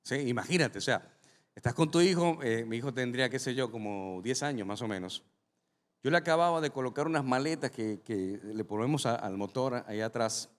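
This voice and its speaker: A man, a pastor, preaching a sermon and telling a personal story, speaking straight to the congregation in a lively way. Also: mid-range voice, fairly quick. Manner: animated, addresses the congregation directly. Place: large church hall with a congregation. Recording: long reverb from a large hall.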